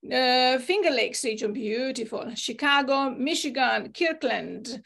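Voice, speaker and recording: A woman hosts a relaxed group video call, her voice pitched high. She reads out a long list of places, filling the gaps with ums and uhs. The sound is that of a laptop mic. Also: a little slow, vocal fry. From Italy. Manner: reads out names and places, with fillers. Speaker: host.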